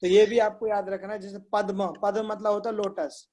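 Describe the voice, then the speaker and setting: A man's voice: sits high, level tone, a little fast, dark tone. A man teaching Sanskrit pronunciation in an online class, patiently repeating sounds and checking that his students follow.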